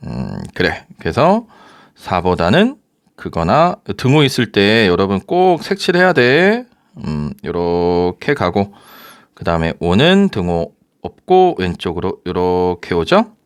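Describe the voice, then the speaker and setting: A man teaching a recorded high-school math lecture, talking students through each step and often checking with rhetorical questions. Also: a little slow, clear, resonant tone, no room sound, clean studio sound. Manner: lively, coaxing, asks rhetorical questions.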